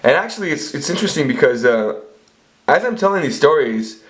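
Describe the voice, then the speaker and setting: His voice sits on the high side with big swings in pitch, and he talks a little fast. A vlogger in his forties, he rambles crudely through stories in a relaxed monologue, swearing a lot and frequently starting over.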